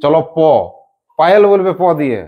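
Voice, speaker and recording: A man's voice: on the high side, expressive, normal speed, phone-quality sound. A male teacher runs a classroom lesson, calling pupils by name and praising each answer. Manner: encouraging, quizzing pupils by name.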